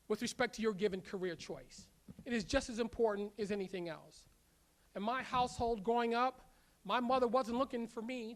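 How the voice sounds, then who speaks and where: Give me a school leader giving an emphatic commencement address at a middle pitch, driving home repeated rallying lines. The speaker stumbles on filler words when going off-script. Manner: emphatic, repetitive rallying phrases, leads call-and-response. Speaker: culinary academy leader giving graduation address. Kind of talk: commencement speech. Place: large ceremony room.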